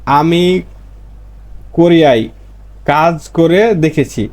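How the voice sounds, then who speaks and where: A man's voice: on the high side, slow, a little mellow. A man teaching Korean grammar, explaining each word and then repeating it in his own language. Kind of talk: explaining lessons.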